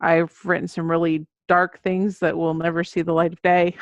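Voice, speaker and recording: With a fairly low pitch, level tone, and normal pace, this middle-aged children's book author gives conversational interview answers. The dull lo-fi recording has no echo.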